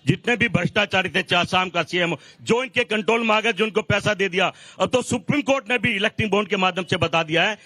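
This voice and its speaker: A man's voice: high-pitched, quick pace, few pauses, bright, forceful tone, dry recording. A man speaking for the opposition in a debate, accusatory and mocking in a rhetorical way. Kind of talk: debate argument.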